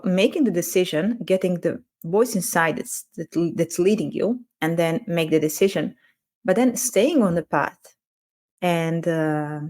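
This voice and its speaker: A woman's voice: fairly low pitch, a little mellow. Woman coach, reflective podcast talk. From Croatia. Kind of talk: casual podcast conversation.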